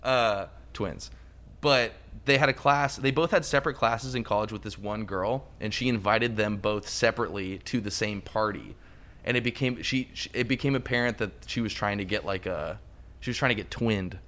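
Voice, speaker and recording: A man's voice: on the low side, normal speed, a bit bright. A man co-hosting a podcast, telling a short story in casual, joking, teasing chat.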